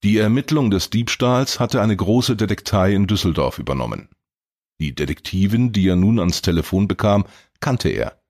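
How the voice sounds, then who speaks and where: A man with a very low, husky voice narrating an audiobook. His reading is steady and measured, told in scripted narration.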